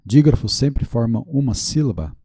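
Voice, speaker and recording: A man's voice: medium pitch, expressive, moderate pace, mellow, husky, no room sound, clean studio sound. A man teaching a video lesson with a Brazilian Portuguese accent, working through quiz questions aloud, checking his answers and admitting his mistakes.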